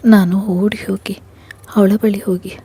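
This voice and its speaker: A woman narrating a first-person family story in a soft, hushed, emotional way. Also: medium pitch, little pitch movement, measured pace, slightly rough.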